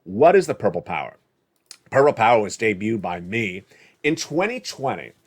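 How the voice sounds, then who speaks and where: A man hosting a live finance stream, talking excitedly with loud bursts and slow, stretched words for emphasis. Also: mid-range voice. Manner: excited, emphatic, swings between loud bursts and quiet asides. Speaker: channel host. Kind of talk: hyped live stream monologue.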